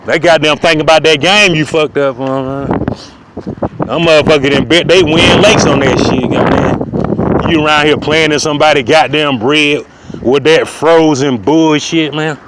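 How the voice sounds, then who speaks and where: A man ranting profanely outdoors, preaching loudly at times and dropping to a low mutter. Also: moderate pace. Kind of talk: outdoor rant to camera. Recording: wind noise outdoors.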